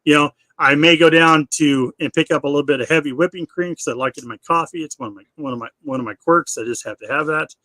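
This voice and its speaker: A man's voice: a little high, fast, hardly any pauses, pushed and bright, dry recording. Casual guy in middle age, live q&a host, loops back on his words, dry close sound. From United States. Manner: rambling, repeats and restarts words.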